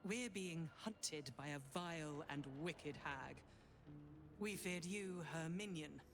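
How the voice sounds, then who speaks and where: A woman's voice: sits low, slow. A woman playing a pious, protective cleric in a fantasy video game, with an earnest, declamatory heroic delivery. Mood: solemn, earnest. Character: valiant, pious female cleric, protective and fervent.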